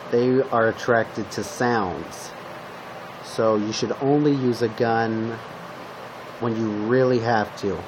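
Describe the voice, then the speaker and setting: In an improvised roleplay video, a male host plays a zombie apocalypse survivor sharing tips, lightly acted at an ordinary pitch. He's conversational and matter-of-fact, often halting and repeating himself, while a clear, steady hum runs through the noisy home recording.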